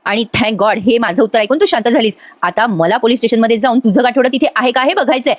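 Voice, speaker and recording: Woman reviewer, fast and chatty episode recap, slightly high voice, dry close sound. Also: no room sound. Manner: chatty, addresses viewers directly, acts out dialogue while retelling. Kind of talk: casual retelling of a TV episode.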